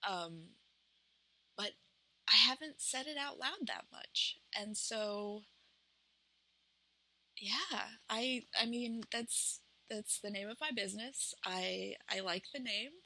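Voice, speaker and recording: Creaky-voiced Appalachian woman chatting casually. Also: mid-range voice, lively intonation, bright, forceful tone. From Appalachian United States. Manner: halting, reflective, self-conscious. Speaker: vlog host and small business owner. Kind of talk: casual, unscripted chat to camera.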